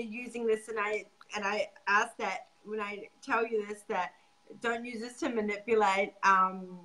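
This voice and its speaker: A woman's voice: fairly high pitch, pushed and bright, poor audio. A woman hosting a casual chat as a sex coach, laughing often and swearing casually.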